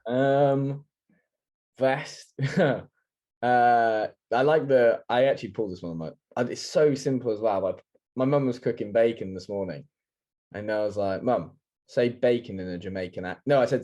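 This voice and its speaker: A young Englishman co-hosting a podcast, telling stories in a lively way, swearing and laughing often, talking over a video call. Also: mid-range voice, highs cut off. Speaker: podcast co-host. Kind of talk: casual chat.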